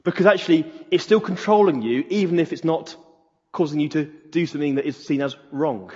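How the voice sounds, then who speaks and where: A man's voice: on the high side, brisk, darkish tone, slightly rough. A man preaching a sermon in an earnest way, repeating key phrases for emphasis. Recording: reverberant hall, dull lo-fi sound.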